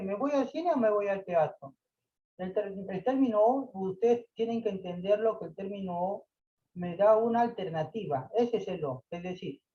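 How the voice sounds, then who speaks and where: Patient math teacher, muffled. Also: male voice, high-pitched. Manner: patient, repeats points, checks understanding with "¿ya?". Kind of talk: online class explanation.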